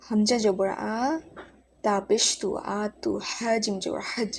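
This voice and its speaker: A woman's voice: mid-range voice, little pitch movement, a little slow, darkish tone, husky. A woman teaching Quran reading, spelling out each letter and vowel mark one by one and then joining them into words. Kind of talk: slow spelling-out recitation lesson.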